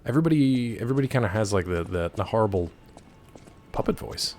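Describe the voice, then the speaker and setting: A man with a fairly low voice streams a video game. His delivery is lively and jokey, rambling along in casual commentary with music faintly behind him. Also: fast talker. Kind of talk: casual gameplay commentary, chatting with viewers.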